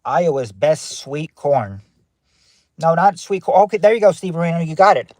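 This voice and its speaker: A man's voice: fairly high pitch, animated, normal speed, a little mellow, no echo. Upbeat man hosting a livestream game. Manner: upbeat, reads answers and greets chat viewers by name. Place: in his car parked outside a courthouse.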